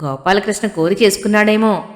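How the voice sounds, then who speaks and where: A woman's voice: medium pitch, brisk, pitched above the performer's own voice, close to an everyday voice. A woman voicing a teasing middle-aged mother. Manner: chatty, mildly scolding. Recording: long hall reverb.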